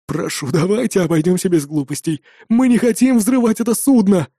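A man voicing a frightened male engineer who pleads and babbles in a raised, rushed voice. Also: warm tone, no echo, clean studio sound. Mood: pleading. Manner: high, rushed and begging.

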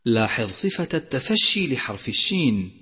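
A man teaching Quran recitation rules in a measured way, slowly drawing out each example word. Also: medium pitch, very animated, bright, forceful tone, slightly rough. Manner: measured, numbered points, slowly drawn-out example words. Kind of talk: instructional lesson. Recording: long hall reverb.

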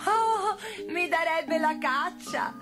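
A sly, tearful young witch's she-cat, voiced by a woman reading aloud. She speaks high above the narration, with a wheedling, mischievous lilt that leaps about. Faint music sits behind this storybook voice. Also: expressive, takes it slowly, heavily acted. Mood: eager.

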